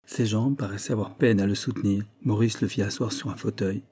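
A man reading a classic story aloud in a measured, dramatic way. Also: on the low side, fairly even intonation, mellow, husky. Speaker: audiobook reader. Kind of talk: scripted narration of a classic story.

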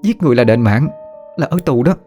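Man doing a high nagging wife voice, sharp-tongued young woman, exasperated, faint background music. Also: lively intonation, fast, lightly acted. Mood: worried. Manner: nagging, scolding.

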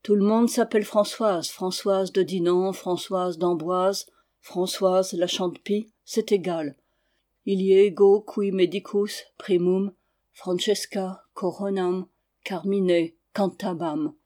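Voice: medium pitch, steady tone, slow, warm tone, lightly acted. A reader doing a muttering court doctor. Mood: grumbling. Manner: grumbling, muttering to himself. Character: grumbling court physician composing Latin verse. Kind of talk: audiobook reading.

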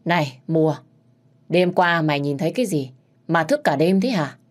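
A woman's voice: deep voice, animated, moderate pace. A woman voicing a blunt middle-aged aunt who grumbles and scolds. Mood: demanding.

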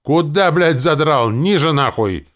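A man's voice: on the low side, big pitch swings, normal speed, pitched above the performer's own voice. A man voicing a bossy, grumbling male zombie quartermaster who wheezes and barks orders in an audiobook. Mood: bellowing. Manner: gruff, wheezing, shouting orders. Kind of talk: audiobook character voice.

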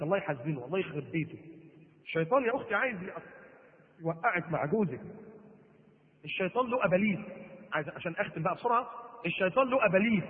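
A man with an Egyptian accent preaching to women, animated and acting out the people he quotes. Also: sits high. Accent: Egyptian Arabic. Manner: animated, acts out quoted voices. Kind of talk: lecture to women in a sermon. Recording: phone-like sound with long hall echo.

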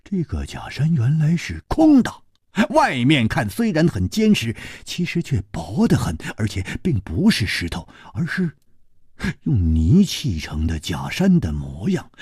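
Animated male storyteller, wildly expressive. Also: unhurried, slightly rough, no room sound, clean studio sound. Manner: expressive, dramatic pitch swings. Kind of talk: Chinese oral storytelling narration.

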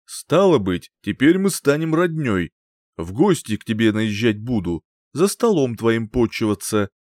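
A wise old male singer-sorcerer, slow and measured, mocking his rivals with quiet scorn, as a man puts him on. The voice rises a little above the storyteller's own and swings widely in pitch. It sounds close and dry, like a storybook being read aloud. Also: sing-song, no room sound, natural voice. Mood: stern. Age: older.

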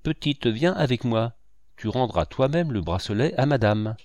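A man doing a brisk kindly servant woman. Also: medium pitch, animated, a little mellow, dry recording, natural voice. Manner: brisk, coaxing.

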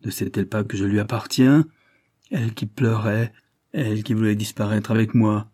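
A desperate young lover pleads with passion, as a man voices him in an audiobook. The voice is mellow and dark with a slight husk. It sits a little lower than usual. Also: fairly even intonation, moderate pace, dry recording, studio quality, natural voice. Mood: anguished. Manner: pleading, impassioned. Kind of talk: audiobook character reading.

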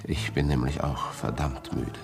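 An actor playing a haunted husband in a radio play, erratic and commanding, swinging between harsh orders and tenderness. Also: male voice, rumbling low, level tone, a little slow, vocal fry, music in the background, heavily acted. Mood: grim. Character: haunted husband, Bill, who says he is drunk.

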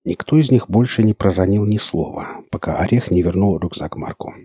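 Low dark husky male narrator. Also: a little fast, dry recording. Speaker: audiobook narrator. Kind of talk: scripted narration.

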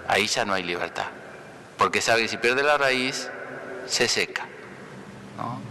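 Male priest, homily, very bright and forceful tone, conversational with frequent check-ins, long church reverb. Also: on the low side, slight background noise. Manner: conversational, asks "¿no?" for agreement; pauses and restarts mid-phrase. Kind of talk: spoken homily.

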